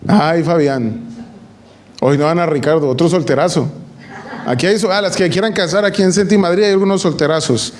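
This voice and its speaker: High-voiced man preaching a sermon. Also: fairly quick. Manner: asks the audience rhetorical questions; joking asides to the congregation.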